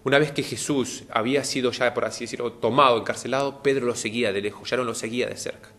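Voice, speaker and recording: A man preaching a televised sermon, speaking straight to his listeners and acting out the quoted lines with lively jumps in pitch. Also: quick pace. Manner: animated, acts out quoted lines with rising pitch; addresses the audience directly.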